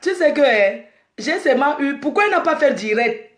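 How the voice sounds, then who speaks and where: A woman's voice: high-pitched, animated, a little fast. A woman taking a phone call, chatting casually and chiming in eagerly. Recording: echoey room.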